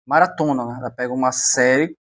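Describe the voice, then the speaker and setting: A man's voice: medium pitch, fast, fairly bright tone, no room sound. A man hosting a podcast, chatting casually, asking questions and joking with his guest. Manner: chatty, asks questions, jokes. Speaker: podcast host.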